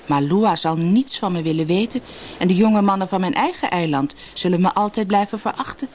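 A woman voicing a proud, beautiful young island woman in an expressive storybook reading. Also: medium pitch, normal speed, a little hiss or hum, pitched above the performer's own voice, lightly acted. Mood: despairing. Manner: haughty, then pleading and desperate.

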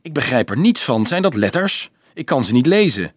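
A man's voice: medium pitch, very animated, moderate pace, breathy edge, dry recording, studio quality. A man voicing an eager young student. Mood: puzzled. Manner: eager, questioning. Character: young male student, curious and pious.

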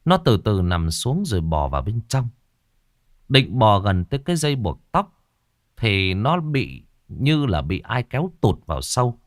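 A man narrating a ghost story in a lively, dramatic way. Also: fairly low pitch, measured pace, dry recording.

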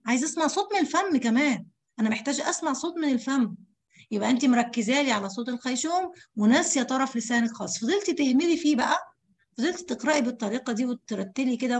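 A woman with an Egyptian accent teaching Quran recitation, who speaks straight to her female students and repeats syllables to show how each sound is made. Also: sits high. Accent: Egyptian Arabic. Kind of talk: tajweed lesson explaining letter articulation.

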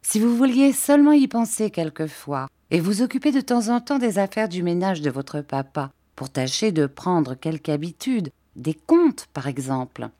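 A woman reader voicing an earnest young man who coaxes his fiancée gently. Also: fairly low pitch, very animated, moderate pace, hardly any pauses, dry recording. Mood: tender.

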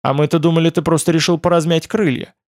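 A man's voice: medium pitch, moderate pace, darkish tone, natural voice. A man voicing a grumpy, sarcastic young man who grumbles in an audiobook. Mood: grumbling. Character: grumpy young male clan heir, sarcastic.

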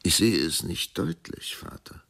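A man's voice: deep voice, sing-song, a little slow, gravelly, a bit bright, full character voice. A man doing a young, earnest apprentice. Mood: awed. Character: young male dancer's apprentice, awed.

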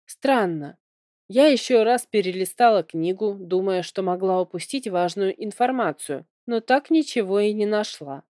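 A woman narrating a first-person novel in an even, measured reading voice. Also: mid-range voice, no room sound, studio quality. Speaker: audiobook narrator.

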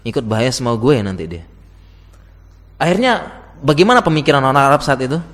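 Male lecturer, chatty and playful the audience, mid-pitched, long hall echo. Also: very animated, fairly quick, a bit bright. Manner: chatty, asks the audience questions, laughs often. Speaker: teacher giving a talk to Islamic school teachers. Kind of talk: casual lecture.

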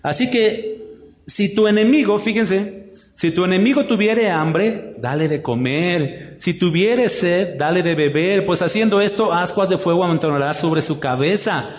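Animated pastor in an echoey hall. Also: male voice, sits high, unhurried. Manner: animated, rhetorical questions, acts out wives' voices. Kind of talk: sermon to women of the church.

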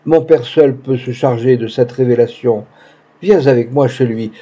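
A man's voice: mid-range voice, moderate pace, dark tone, breathy edge, lightly acted. A man reading the lines of a naive, grieving young woman in a tearful, faltering manner, in a dull lo-fi recording. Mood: anxious.

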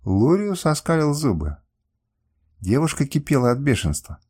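A man narrating an audiobook in the first person with a measured, expressive reading. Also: medium pitch, breathy edge.

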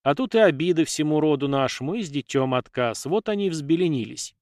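A man's voice: fairly high pitch, lively intonation, brisk, darkish tone, no echo, clean studio sound. A man voicing a blunt warrior woman chieftain. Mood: grave. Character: fierce woman warrior voevoda, weary, blunt.

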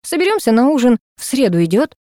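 In a story read aloud, a woman voices a young male footballer coaxing and pleading with his ex-fiancée, pitching her fairly high, warm voice above her own. Her delivery is fast and sing-song, and the sound is clean studio audio with no room sound.

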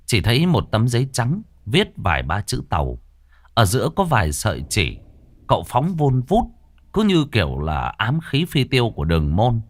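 A man narrating a ghost story with dramatic, expressive delivery. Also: lowish voice.

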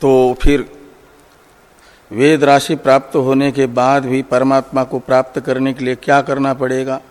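A man teaching scriptural commentary, reciting Sanskrit passages and then explaining them word by word in a measured, deliberate way. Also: mid-range voice, monotone, a little mellow. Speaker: Vedanta teacher. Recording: long hall reverb.

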